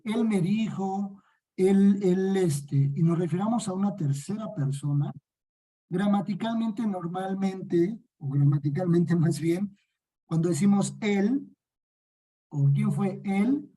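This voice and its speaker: A man with a Mexican accent teaches a Bible study class, putting questions to his listeners and answering them himself. His voice is very dark and mellow, with a slightly husky edge. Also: high voice, rough recording. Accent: Mexican Spanish. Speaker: discipleship teacher.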